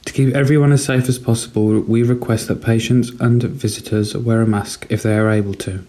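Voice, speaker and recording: Mellow-voiced man reading the news. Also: medium pitch, fairly even intonation. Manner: measured, plain news delivery. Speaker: news reader.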